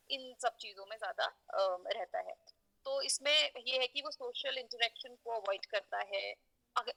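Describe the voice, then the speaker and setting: A woman lecturer in psychology walks through her points one at a time, pausing on fillers and mixing English terms into her explanations. Her voice is somewhat high and bright, with a gravelly fry running through it. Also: poor audio. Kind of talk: recorded university lecture.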